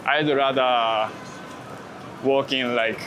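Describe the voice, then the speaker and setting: Outdoors on a busy city street with traffic clearly audible, a man discusses his photography during a casual walking interview. He speaks hesitant second-language English, halting with many fillers, pauses and restarts. His pitch is an ordinary middle range with fairly even intonation.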